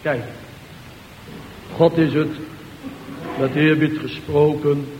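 Male preacher, high pitch, fervent sermon delivery; echoey church recording with hiss. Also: steady tone, slow pace, muffled recording. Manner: fervent preaching, rhetorical questions, swings between loud and hushed.

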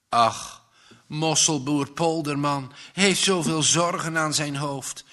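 A man reading a story aloud in a dramatic way, swelling loudly at the tense moments. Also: on the high side.

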